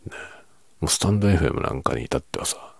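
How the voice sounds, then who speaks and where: Very deep, hushed late-night male voice. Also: animated, fast talker, no room sound. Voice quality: low, gravelly, husky. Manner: quiet, hushed low-volume talking as if at night, drifting into whisper. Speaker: video creator and host. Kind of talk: late-night casual soft-spoken chat.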